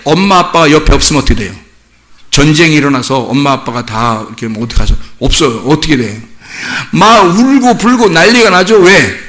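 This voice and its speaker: Animated, bright-voiced male pastor preaching. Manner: animated storytelling, acts out children's voices in high pitch; asks the congregation questions. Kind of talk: sermon.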